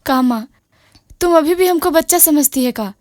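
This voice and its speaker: A woman's voice: high-pitched, lively intonation, normal speed, a little mellow, no room sound, clean studio sound. An actress playing an earnest young village woman who speaks in rustic dialect. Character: determined village girl grown into art teacher.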